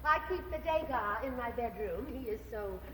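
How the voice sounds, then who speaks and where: On a live stage soundboard recording from an echoey theater hall, an actress plays a gushing, flirtatious widowed landlady, middle-aged and pretentious, who chatters, giggles, and tosses in French phrases during the musical's songs and dialogue. Her slightly high voice is animated at normal speed and close to an everyday voice, with slight background noise.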